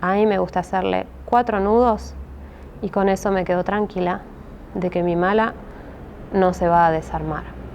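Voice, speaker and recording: Her medium-pitched voice is creaky and darkish, with fairly even intonation at a normal pace, as she teaches a craft step by step in a Rioplatense Spanish accent. She's patient, hesitant, and often checks in with "¿sí?". The audio is dull, with a little hiss or hum.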